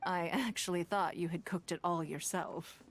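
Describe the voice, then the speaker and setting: This video game actress voices a courteous, commanding, wealthy woman leader with poise and a teasing dryness, delivering scripted lines formally with eloquent, measured wit. Her pitch is fairly low and her intonation fairly even, close to an everyday voice, with a little hiss or hum. She sounds gracious and relaxed over background music.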